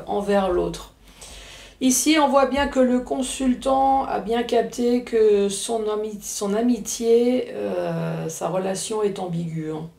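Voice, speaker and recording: A woman's voice: mid-range voice, vocal fry, dark tone, reverberant. A woman with an Alsatian accent giving a casual tarot reading, chatty and joking, with frequent tag words. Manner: chatty, joking asides, frequent "hein" tags. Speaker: card reader.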